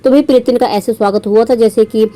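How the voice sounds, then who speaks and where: A woman's voice: fairly high pitch, steady tone, fast talker, warm tone. A woman from India hosting her own podcast, giving sarcastic, scolding roast commentary with frequent fillers. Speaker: podcast host.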